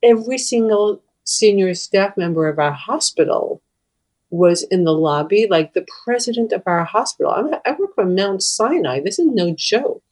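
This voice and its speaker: Animated, laughing hospital chaplain woman. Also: medium pitch, moderate pace, low-quality recording. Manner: animated, laughs often, breaks into off-key singing. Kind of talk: candid interview storytelling.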